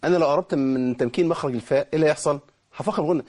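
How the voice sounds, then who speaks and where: A man with an Egyptian accent teaching Quran recitation rules, explaining quickly and slowing down to model drawn-out words. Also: fairly high pitch, a little mellow. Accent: Egyptian Arabic. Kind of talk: tajweed lesson, explaining and demonstrating.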